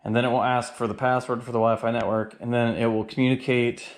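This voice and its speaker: Speaking fast in a flat, mid-range voice, a man reviews and installs a product, walking through each step in a casual, plainspoken way. The recording is dry, though clear background noise and ambient sound come through.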